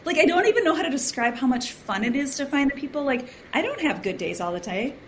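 A woman who is a guest on a podcast, sharing her story in a chatty, animated way with many fillers. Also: high voice, fast, background noise. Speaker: podcast guest, founder of a moms community. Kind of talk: casual podcast conversation.

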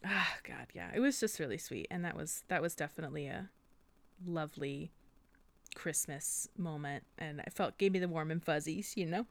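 A woman's voice: deep voice, moderate pace. A young woman co-hosting a podcast, chatting casually and getting emotional, with frequent laughter. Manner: gushing, emotional, laughs often. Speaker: podcast co-host. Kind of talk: casual chat.

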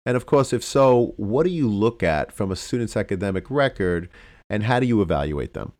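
Deep-voiced man hosting a podcast. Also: lively intonation, a little fast, a little mellow. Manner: formal, complimentary questioning. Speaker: podcast host. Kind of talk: podcast interview.

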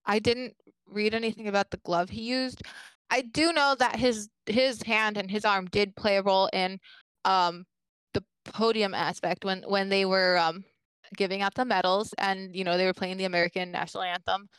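A woman's voice: mid-range voice, fairly even intonation, moderate pace, a bit bright, smooth, no echo, low-quality recording. A woman co-hosting a podcast, telling a researched story in a conversational way with frequent fillers. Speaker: podcast co-host. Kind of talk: casual chat, presenting a researched story.

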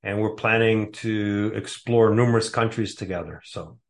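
With a lowish, steady voice at a moderate pace, this sixty-something man from the Detroit area, USA, takes interview questions as a guest author. His replies come out relaxed but hesitant, packed with fillers.

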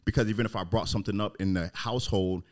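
Earnest low-voiced man opening up. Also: fairly even intonation, fast talker, a little mellow. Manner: earnest, emotional, full of fillers like "like" and "man". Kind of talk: candid personal conversation.

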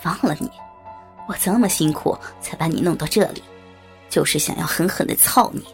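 A woman voicing a cruel, leering middle-aged man in an audio story, with a low, gravelly, taunting voice. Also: moderate pace, soft background music. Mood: sneering. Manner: sneering, menacing, taunting.

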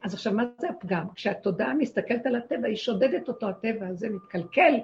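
Woman religious teacher, gravelly, emphatic short phrases, muffled lo-fi sound. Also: a little high, lively intonation, a little mellow. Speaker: spiritual teacher. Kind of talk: religious lesson to a group.

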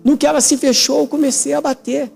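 Gravelly man giving an emotional testimony. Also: very high voice, flat delivery, brisk, darkish tone, soft background music. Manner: emotional, repetitive with frequent "né?". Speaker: interview guest giving testimony. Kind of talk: religious testimony of a vision.

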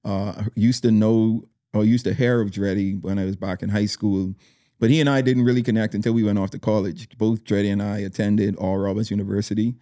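A man's voice: fairly low pitch, fairly even intonation, brisk, warm tone, dry recording, clean studio sound. A man hosting a podcast, upbeat and hyping up his guest with loose, chatty talk. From Bahamas. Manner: upbeat, hype-style welcomes, lots of fillers and restarts. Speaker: podcast host.

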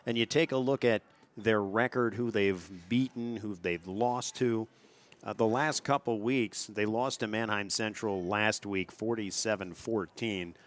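Low-voiced local football announcer man. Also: measured pace. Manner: steady, reads off names and stats. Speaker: play-by-play announcer. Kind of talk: local sports broadcast commentary.

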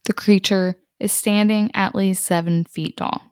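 A woman casually retelling paranormal stories, unhurried, with musing asides and the odd restart. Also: medium pitch, fairly even intonation, darkish tone, clear, resonant tone, no room sound, studio quality. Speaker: storyteller.

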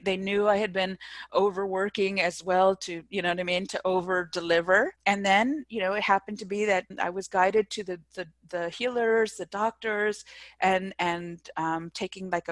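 A woman's voice: on the low side, dry recording. A middle-aged woman, an entrepreneur, telling a personal story as an interview guest, earnest and emphatic, often restarting her sentences.

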